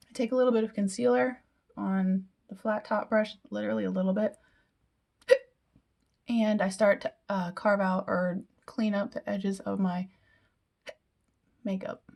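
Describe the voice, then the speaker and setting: A woman's voice: mid-range voice, steady tone, measured pace, gravelly, long pauses, darkish tone. A young woman chatting casually through a makeup tutorial, with self-deprecating asides that sometimes drop to a whisper. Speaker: beauty vlogger.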